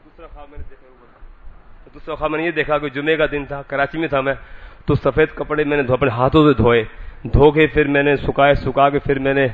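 Guy telling his dreams, keeps stumbling and repeating, thin phone-like audio. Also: medium pitch. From Sindh, Pakistan. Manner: repetitive, stumbling, restarts phrases. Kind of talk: halting personal testimony. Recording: tinny lo-fi radio-like sound.

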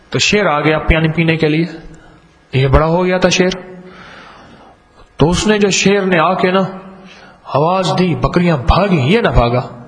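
A Pakistani man preaching and telling parables, his voice pitched fairly high. He acts out the dialogue with lively emphasis. His voice rings through a long hall reverb. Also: slight background noise. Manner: storytelling, acts out dialogue, rising and falling emphasis. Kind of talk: sermon with parables.

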